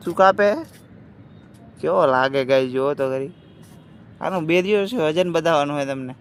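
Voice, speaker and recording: A young man with a slightly high voice vlogs while walking outdoors by a riverfront, speaking at a moderate pace with a faint hiss or hum in the audio. A friend holds the phone as he chats, teases that friend, and talks straight to viewers in this casual walking vlog.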